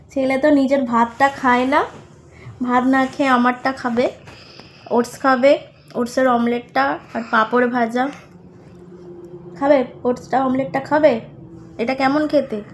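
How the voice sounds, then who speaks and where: A young woman with a slightly hoarse voice from a cold, chatting casually to viewers in a home vlog while she does her chores. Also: high voice, fairly even intonation, a little slow, long pauses, a little hiss or hum. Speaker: vlogger.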